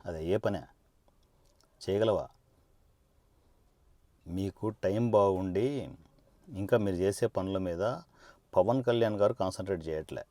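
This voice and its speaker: A politician speaking straight to camera in a confrontational monologue, sarcastic and combative, firing one rhetorical question after another. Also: male voice, low voice, unhurried, long pauses, dark tone, no room sound.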